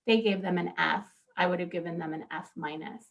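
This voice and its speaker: A woman in her thirties presenting as a law professor on a conference panel, earnest and animated, with frequent fillers. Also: on the low side, brisk, gravelly.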